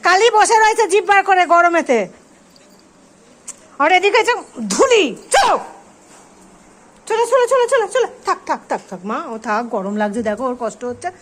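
A woman's voice: extremely high pitch, lively intonation, normal speed, a bit bright, slight background noise. A woman, talking to her pet dogs in coaxing, sing-song baby talk. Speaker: pet vlogger. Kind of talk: casual talk to pets.

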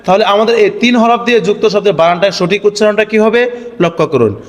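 A man teaching Arabic letter spelling for Quran reading, drilling the syllables slowly in a singsong chant and asking questions that he answers himself. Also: sits high. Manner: asks the viewers questions and answers them himself. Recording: echoey room with long reverb.

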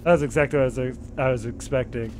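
A man co-hosting a gaming video, chatting casually during co-op play, excitable and quick to laugh and shout. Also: mid-range voice, slight background noise. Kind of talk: casual co-op gameplay banter.

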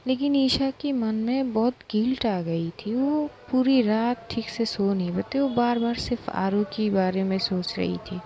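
A woman's voice: medium pitch, darkish tone, a little hiss or hum. A woman narrating a love story in a loose, chatty way, correcting herself as she goes. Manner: loose, chatty retelling with restarts.

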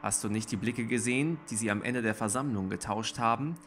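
A man's voice: on the low side, fairly quick, slight background noise, lightly acted. A man voicing an earnest, determined young tomcat warrior in a storybook reading.

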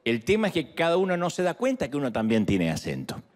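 A middle-aged Argentine man preaching a sermon as pastor, animated and playful. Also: a little high, fast talker, long reverb tail. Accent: Argentine Spanish. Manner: animated, playful, rising to calls to the crowd.

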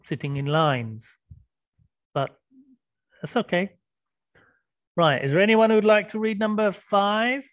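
A man's voice: high voice, slow, long pauses, dry recording, lo-fi sound. A man teaching an online English class, patiently prompting students with questions over a video call.

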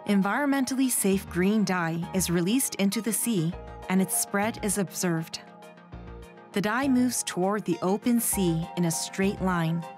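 Calm woman narrating a documentary. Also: medium pitch, unhurried. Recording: voice-over with music bed.

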